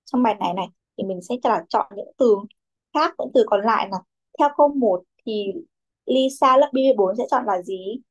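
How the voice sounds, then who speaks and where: A woman's voice: on the high side, normal speed, breathy edge, dull audio. A young woman teaching a children's English class, who calls on pupils by name, repeats their answers and mixes English words into her instructions.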